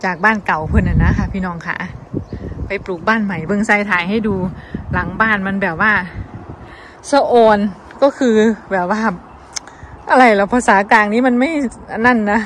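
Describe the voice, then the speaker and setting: A woman's voice: mid-range voice, normal speed, noisy background. A woman with an Isan Thai accent, chatting casually to her viewers in a vlog while showing a garden outdoors. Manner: chatty, addresses viewers as brothers and sisters. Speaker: vlogger.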